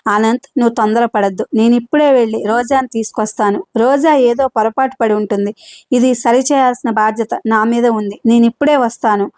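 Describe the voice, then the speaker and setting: A woman's voice: on the high side, fairly even intonation, fairly quick, a little mellow, dry recording, studio quality, lightly acted. A woman reading the part of an older brother who presses his sibling with worried, insistent questions. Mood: worried, urgent. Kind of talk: audiobook character reading.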